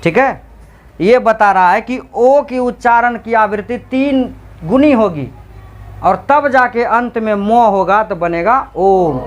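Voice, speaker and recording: A man teaching a class, quizzing students with repeated questions and drawing out sounds slowly to demonstrate them. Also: sits high. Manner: slow, drawn-out sound demonstrations. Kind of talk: classroom grammar lecture.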